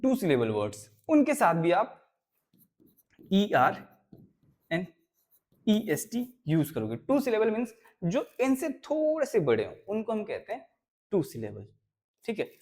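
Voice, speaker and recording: A young man with a fairly high voice teaches a school grammar lesson. He explains each point step by step and keeps checking in with his students. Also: huge pitch swings, unhurried, pauses often, a little mellow.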